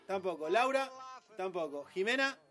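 A man's voice: sits high, music in the background. A man with an Argentine accent hosting a radio show, teasing his co-hosts in joking studio chat. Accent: Argentine Spanish. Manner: teasing, quick, animated. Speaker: radio host. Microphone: studio microphone.

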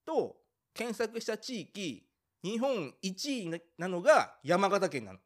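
A man's voice: high-pitched, very animated, slow pace. A man co-hosting a casual podcast chat, laughing often and trailing off when he is unsure. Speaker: podcast co-host.

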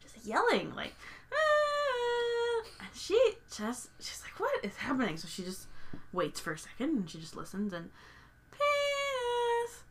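Animated mid-pitched woman telling a story. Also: normal speed, a little hiss or hum. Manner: animated, laughs while telling stories. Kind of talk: casual storytelling chat.

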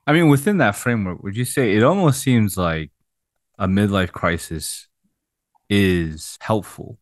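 A man's voice: on the low side, a little slow, dry recording, studio quality. A man in his thirties, a pastor co-hosting a casual faith podcast, asking questions and sharing research. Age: 30s. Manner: inquisitive, asks guests follow-up questions.

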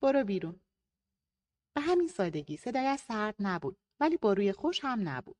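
A woman narrating a novel and reading the characters' dialogue in slightly shifted voices. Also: big pitch swings. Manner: lightly voices characters, higher and louder for dialogue. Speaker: audiobook narrator.

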